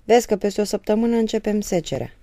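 A woman reading the part of a gruff, irritable peasant father in an audiobook, with a mocking edge. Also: on the low side, animated, warm tone, no room sound. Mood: gruff, sarcastic. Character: gruff sarcastic middle-aged peasant father.

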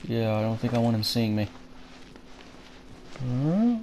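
A man's voice: mid-range voice, big pitch swings, slow, mellow, low-quality recording. A man with a dry throat streaming a horror game, uneasily muttering and swearing at the characters as he comments casually. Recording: faint background game ambience noise.

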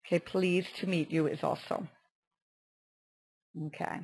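A woman teaching an online English lesson, saying vocabulary slowly and carefully and saying "okay" often. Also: fairly low pitch, fairly even intonation, darkish tone, husky. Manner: slow, careful pronunciation drills with many "okay"s.

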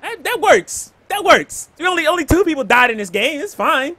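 A man streaming live gameplay, commentating and trash-talking opponents with brash, shouted taunts. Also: very high-pitched, big pitch swings, normal speed. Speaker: game streamer. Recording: noisy stream audio.

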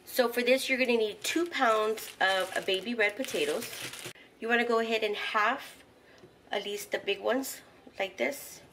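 A middle-aged woman with a higher-pitched voice hosts a home cooking channel, narrating each step of a recipe at a moderate pace while she cooks in her kitchen. She's instructional and casual, with the occasional "um." The background is noisy.

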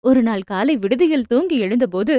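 A woman narrating a family novel as an audio book, telling the story in a steady, even way. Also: on the high side, normal speed, no room sound.

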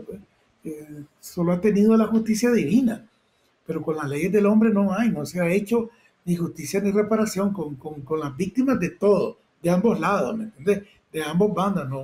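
A middle-aged man with a Nicaraguan accent recounts his work as a photojournalist in a high-pitched voice. He tells his stories vividly, acting out the shouts of others and the sounds of the moment. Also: poor audio. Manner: vivid storyteller, acts out shouted quotes and sound effects. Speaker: photojournalist guest. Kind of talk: personal storytelling interview.

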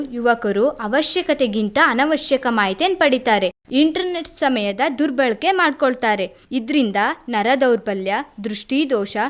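A girl playing a strict but caring woman schoolteacher who scolds and lectures her class in a school radio play. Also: fairly high pitch.

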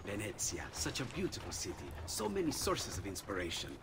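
An actor with an Italian accent playing an eager, inventive Italian man who talks with animated enthusiasm. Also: on the low side, a little fast, exaggerated voice. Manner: animated, breathless enthusiasm, rising to cries of alarm. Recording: game audio under noise.

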